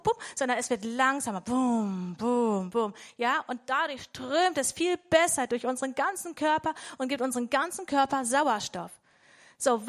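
A woman's voice: high voice, a bit bright. A woman preaching a devotional sermon in a conversational way, often checking in with her listeners.

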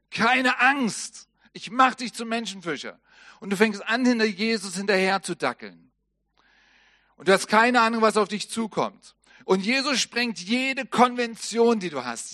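Lively high-voiced man preaching a sermon. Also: dry recording, clean studio sound. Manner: lively storytelling preaching, acting out quoted lines; drops to soft, low voice for solemn moments.

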